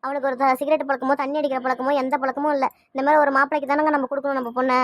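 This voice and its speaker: A woman's voice: high-pitched, level tone, dry recording, clean studio sound, lightly acted. A woman acting as an anxious mother worried about her missing daughter, firing off pleading questions in an amateur family web drama. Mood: defensive. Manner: rapid pleading questions, fretful.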